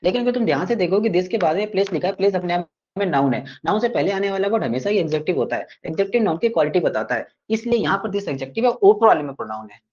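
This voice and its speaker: A man's voice: high-pitched, animated, quick pace, few pauses, a little mellow, muffled recording. A man teaching an online grammar class, playful and teasing his students as he explains. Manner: addresses students fondly as kids.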